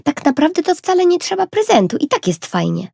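A woman voicing an excited, impatient little girl in a storybook reading, with shrill exclamations. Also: fairly quick, gravelly, dry recording, clean studio sound, exaggerated voice. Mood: cheerful.

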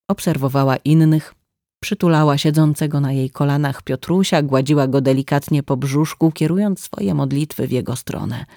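Calm woman reading a novel aloud. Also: sits low, no echo, studio quality. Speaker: narrator. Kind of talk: scripted audiobook narration.

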